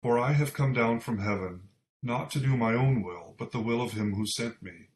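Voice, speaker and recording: A man reading a scripture lesson aloud and giving the responses at a church service, measured and solemn, heard in a cathedral echo. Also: mid-range voice, darkish tone. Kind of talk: formal liturgical scripture reading. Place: large church. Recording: echoey church with faint ambience.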